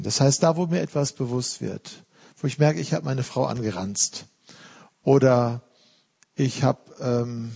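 A man's voice: mid-range voice, vocal fry, mellow, husky. A man preaching a sermon in an earnest way, mixing plain teaching with casual everyday asides. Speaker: pastor.

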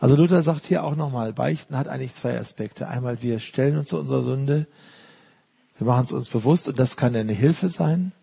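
Male pastor preaching a sermon, earnest and conversational, gravelly and husky. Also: medium pitch, fairly quick, warm tone. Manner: earnest, with everyday asides.

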